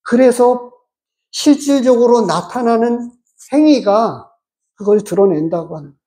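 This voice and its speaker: A pastor giving a measured, explanatory sermon and asking the congregation rhetorical questions. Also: medium pitch, warm tone.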